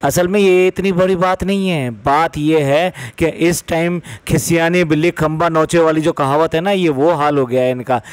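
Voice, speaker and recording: Man, sarcastic online commentator, mocking tone, higher voice, dry close recording. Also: fairly even intonation, moderate pace, few pauses, dry recording. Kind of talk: critical commentary on vloggers.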